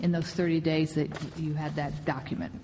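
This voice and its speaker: Deep-voiced woman questioning from the bench. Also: steady tone, fairly quick, mellow. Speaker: judge questioning counsel. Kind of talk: courtroom questioning. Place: large courtroom. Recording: reverberant hall, faint noise.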